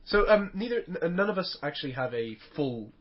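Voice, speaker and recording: A young man joking and teasing, his pitch leaping all over a wide range and sitting slightly high. The audio is dull and lo-fi, with heavy chatter in the background. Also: sing-song, fairly quick. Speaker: podcast co-host. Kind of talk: casual chat.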